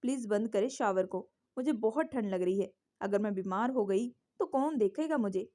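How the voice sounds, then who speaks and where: A woman voicing a shy, tipsy young woman who speaks softly and pleadingly. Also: medium pitch, normal speed, lightly acted. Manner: soft and pleading.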